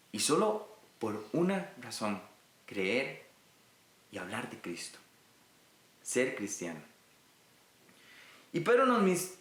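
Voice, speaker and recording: A man's voice: a little high, fairly bright tone, roomy sound. A man from Rica, teaching a recorded Bible lesson in an earnest way and speaking directly to his listeners. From Costa Rica.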